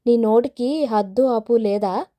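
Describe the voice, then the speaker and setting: A distraught middle-aged mother scolds through her grief, voiced by a woman narrator. The voice is mellow and dark but sits fairly high. She is a character in a spoken audio novel. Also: a little slow, close to an everyday voice. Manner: tearful, scolding.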